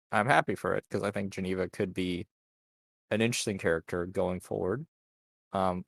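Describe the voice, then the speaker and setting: A man co-hosting a casual discussion, talking in a halting, thinking-aloud way with many fillers. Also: deep voice, creaky, dry recording. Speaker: co-host.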